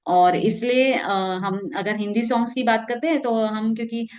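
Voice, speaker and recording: A woman teaching an English vocabulary lesson, explaining patiently and reading dictionary definitions slowly. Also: a little high, fairly even intonation, darkish tone.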